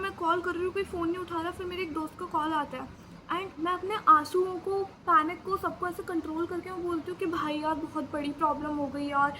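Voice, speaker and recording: Young woman, very high voice, bright and sharp, dramatic storytelling vlog, faint noise behind. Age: young adult. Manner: dramatic, re-enacts panicked dialogue. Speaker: vlogger.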